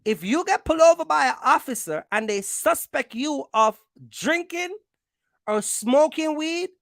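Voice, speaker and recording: A trucking channel host gives advice in an informal explainer, talking bluntly and emphatically in slangy, colloquial language and repeating phrases for emphasis. Her voice is high-pitched with lively intonation and an unhurried pace, recorded in studio quality with no room sound.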